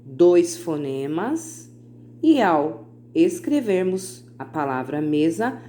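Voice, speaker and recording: A woman teacher recording a video lesson for children, with patient explanations and slowly stretched-out example words. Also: fairly low pitch, darkish tone, a little hiss or hum.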